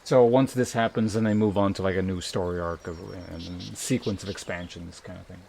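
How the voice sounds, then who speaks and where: Music plays behind a man streaming a game, whose low voice is steady, fairly quick, a little mellow and touched with vocal fry. Chatting politely and rambling as he thinks aloud, he reads viewer messages. Slight background noise is present.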